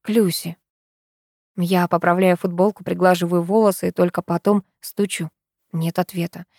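A woman's voice: lowish voice, level tone, moderate pace, darkish tone, no room sound, clean studio sound. A woman reading a first-person story aloud in an earnest, emotional way.

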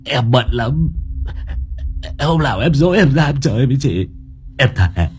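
A man's voice: medium pitch, expressive, a little slow, pitched above the performer's own voice, natural voice. A man voicing a terrified old drunk village man in an audio story, stammering and pleading.

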